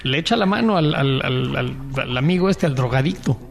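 A man's voice: mid-range voice, animated, a little fast, creaky. A man with a Mexican accent, co-hosting a casual comedy podcast, joking and laughing often. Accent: Mexican Spanish. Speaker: podcast co-host.

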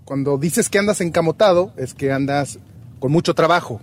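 Chatty man, slightly high voice. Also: moderate pace. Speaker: sports segment guest. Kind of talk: casual chat.

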